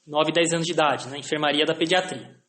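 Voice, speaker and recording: High-voiced Brazilian man telling stories. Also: fairly even intonation, fast, a bit bright, echoey room. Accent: Brazilian Portuguese. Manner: anecdotal, frequent tag questions, self-deprecating. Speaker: lecturer.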